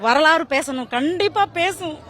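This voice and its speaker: A woman's voice: high-pitched, moderate pace, heavy background noise. A young woman being interviewed on the street, speaking emphatically about her devotion. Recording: street interview with crowd around.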